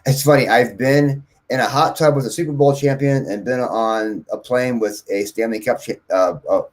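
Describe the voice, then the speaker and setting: A man, a guest musician, answering interview questions casually and telling long, animated stories. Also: medium pitch, moderate pace. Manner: rambling, animated storyteller.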